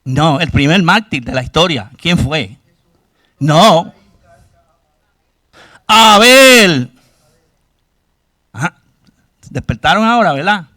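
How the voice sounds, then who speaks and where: Bright-voiced high male preacher. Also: expressive, takes it slowly, long pauses, dry recording, clean studio sound. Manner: asks the congregation questions, acts out cries to God. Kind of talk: sermon. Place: church.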